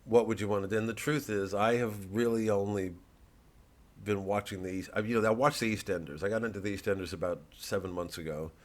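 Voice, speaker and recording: This low-voiced male comedian keeps his tone steady while talking casually to people online. He wanders off on tangents and pauses to pick up his thread, poking fun at himself along the way.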